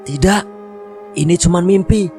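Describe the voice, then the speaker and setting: A male storyteller playing a terrified young girl, her voice far higher than his own. She cries out in panic. Soft music hums underneath. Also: measured pace. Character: frightened young girl, the heroine.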